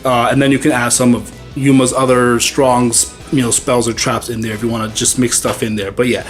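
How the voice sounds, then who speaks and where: A man talks casually through his card deck in a loose, rambling way, full of uhs and restarts. He sounds a little short of breath. Soft music plays faintly behind him. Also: medium pitch, little pitch movement, brisk. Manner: rambling, easygoing, many fillers. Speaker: card game channel host.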